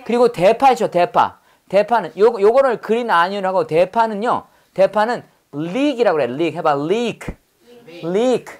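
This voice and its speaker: A woman teaching English vocabulary in a playful, lively manner. She uses call-and-repeat drills and pun stories. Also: medium pitch, moderate pace. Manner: lively, playful, tells pun stories and acts out quoted voices.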